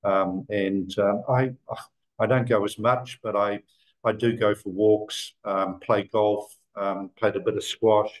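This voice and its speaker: A man's voice: lowish voice, flat delivery, takes it slowly, rough recording. A man in his sixties from New Zealand, a guest talking casually on a video call and rambling with many fillers and restarts. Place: office room indoors.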